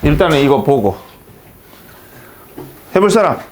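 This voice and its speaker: Over a faint hiss or hum, a man with a fairly high voice speaks a little slowly while teaching his high school English class. He's animated, asking rhetorical questions one after another.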